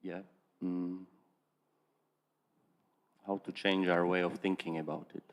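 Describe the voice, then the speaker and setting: A man's voice: low voice, flat delivery, slow pace. A man asking a question as a student at a teaching, hesitant and searching for words. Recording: long hall reverb.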